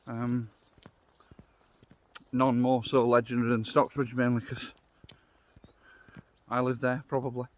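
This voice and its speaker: A man's voice: medium pitch, little pitch movement, a little slow, long pauses, slight background noise. A middle-aged man with a Yorkshire accent, narrating a casual walking vlog outdoors into a handheld phone in a chatty, down-to-earth way, thinking aloud. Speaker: vlogger, walking guide. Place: outdoors on a wooded trail. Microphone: phone held at arm's length.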